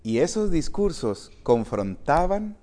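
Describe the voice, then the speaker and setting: Male pastor, slightly high voice, slow deliberate sermon delivery, dynamic swings in volume. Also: very animated. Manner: preaching with wide swings in loudness, rising to emphatic calls; addresses congregation directly, restarts words.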